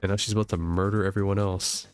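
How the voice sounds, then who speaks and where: A man with a fairly low voice plays a story game. He mixes casual commentary with reading the on-screen narration aloud, over soft game music. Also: little pitch movement, quick pace. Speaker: let's play streamer.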